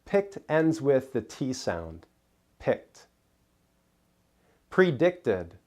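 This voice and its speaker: Male teacher, scripted lesson narration, slow and careful, mid-pitched. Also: sing-song, darkish tone. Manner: careful, deliberate enunciation of single words. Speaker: English pronunciation teacher.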